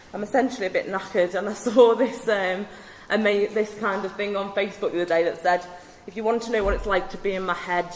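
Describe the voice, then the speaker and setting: A woman with a Scouse accent giving an informal academic talk, chatty and self-deprecating with lots of filler ums. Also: medium pitch. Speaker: lecturer presenting research. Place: workshop venue indoors. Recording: echoey hall with long reverb, faint noise.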